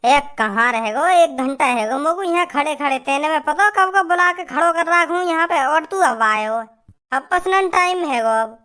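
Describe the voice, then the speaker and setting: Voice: high-pitched, normal speed, pushed and bright. An actor doing a confused village man. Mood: grumbling. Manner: stammering, confused, complaining. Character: slow-witted village man, grumbling friend. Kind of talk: cartoon comedy voice acting.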